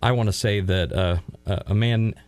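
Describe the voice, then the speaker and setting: A man's voice: lowish voice, normal speed, a little mellow, clear, resonant tone, no room sound, soft background music. A man co-hosting a local sports talk show, chatting casually with playful sarcastic asides.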